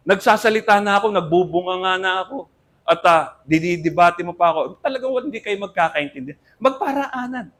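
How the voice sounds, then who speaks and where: Man, older, Filipino accent, pastor, sermon, high-pitched, earnest. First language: Tagalog. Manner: earnest preaching, swings from loud to soft.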